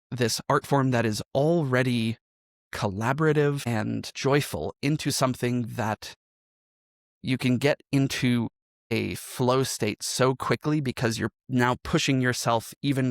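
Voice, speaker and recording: Recorded dry in a clean studio, a man with a mid-range voice guests on a podcast, where he's an improv teacher and game master telling his story. He's conversational and reflective, frequently pausing to ask "right?" as he explains things.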